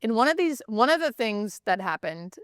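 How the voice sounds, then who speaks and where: A woman's voice: a little high, normal speed, clear, resonant tone, no echo, studio quality. A woman who works as a hospice nurse, explaining and telling stories in a casual, emphatic way, often checking in with the listener. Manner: animated, emphatic repetition, frequent check-in questions like "right?". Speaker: hospice nurse, interview guest. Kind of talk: casual conversational explaining and storytelling.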